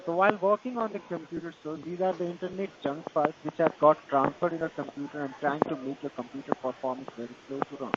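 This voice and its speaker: A man with an Indian accent giving a tech support pitch in a call-center manner, halting and repetitive in non-native phrasing. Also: fairly even intonation, heavy background noise. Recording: dull lo-fi phone call, busy chatter behind.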